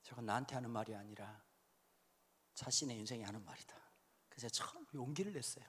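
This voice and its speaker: A man in his fifties preaching a sermon in a church hall, joking and suddenly shouting when he acts out quotes. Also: mid-range voice, animated, fast, breathy edge. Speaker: pastor. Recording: echoey hall sound.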